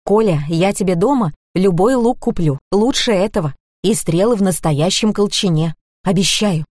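A woman's voice: mid-range voice, normal speed, darkish tone, dry recording, studio quality, close to an everyday voice. A woman doing a coaxing young mother. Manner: pleading, coaxing. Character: young mother, pleading and soothing.

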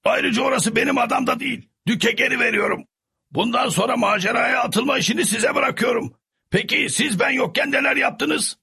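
A man doing a high, fretful squire. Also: moderate pace, creaky, sharp tone, slightly rough, heavily acted. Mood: frank. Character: nervous, fussy middle-aged male squire. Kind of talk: storybook character voice.

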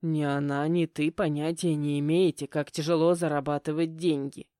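A man's voice: a little high, fairly even intonation, normal speed, a little mellow, no room sound, studio quality, close to an everyday voice. A woman voicing a stern middle-aged stepfather who lectures curtly. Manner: curt, lecturing.

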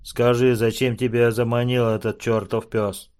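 A man's voice: medium pitch, flat delivery, normal speed, a little mellow, clean tone, natural voice. Man reading a cool, curt chief. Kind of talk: audiobook character voice.

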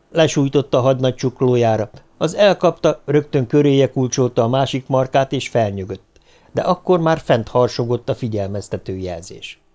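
A man narrating an audiobook in a steady, even delivery. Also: medium pitch.

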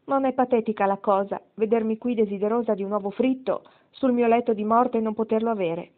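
A woman's voice: a little high, fairly even intonation, brisk, pitched above the performer's own voice, close to an everyday voice. A woman reading the part of a wry, spirited old grandmother near the end of her life, in a satirical tone. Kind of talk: audiobook reading. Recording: tinny phone-like sound.

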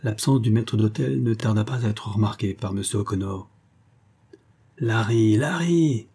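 A man narrates an old comic tale as an audiobook. His voice sits low and sounds soft and slightly husky. He lifts his pitch for the quoted lines of the characters. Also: fairly even intonation, fairly quick. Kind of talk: audiobook reading of a classic story.

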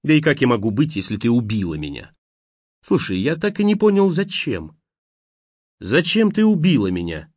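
Brief: man playing a taunting ghostly lover, cunning, lively intonation, lo-fi. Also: mid-range voice, moderate pace, no room sound. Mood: mocking. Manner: sly, taunting, mocking. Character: mocking dead young man, sly and cruel. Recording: dull lo-fi dry recording.

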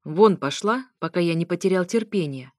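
A rough-spoken, hot-tempered young husband with a curt, gruff delivery, voiced by a woman reader. The voice sits low and dark for her, in a dry, close audiobook sound. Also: animated, unhurried, dry recording.

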